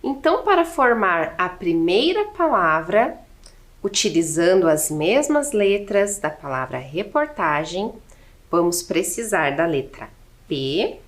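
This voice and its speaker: Slow, patient woman teaching children. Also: fairly low pitch, big pitch swings. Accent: Brazilian Portuguese. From Brazil. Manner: counts aloud deliberately, asks rhetorical questions.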